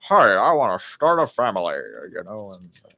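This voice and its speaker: A man's voice: on the low side, very animated, a little fast, pushed and bright. A nineteen-year-old man co-hosting a podcast, chatting in a playful, rambling way. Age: late teens. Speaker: podcast co-host. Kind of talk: casual chat.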